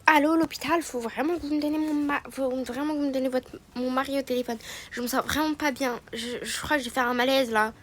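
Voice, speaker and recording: A woman's voice: high voice, fairly even intonation, fast talker, fairly bright tone, a little hiss or hum. A woman playing a sick, weary young wife. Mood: pleading. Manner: weak, tired, slightly nauseous voice. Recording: music playing behind.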